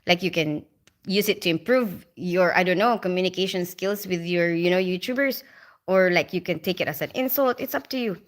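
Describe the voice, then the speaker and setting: Speaking briskly in a lowish voice, this livestream host is a young woman from the Philippines with a Filipino accent. She chats casually and reads viewer comments aloud, peppering her talk with "like" and "you know."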